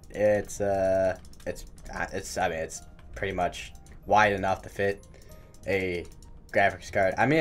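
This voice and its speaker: Rambling young man narrating a Minecraft build. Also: fairly low pitch. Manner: rambling, stumbling over words, mild swearing at mistakes; self-mocking, chatty. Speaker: gaming channel host. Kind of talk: live Minecraft building commentary.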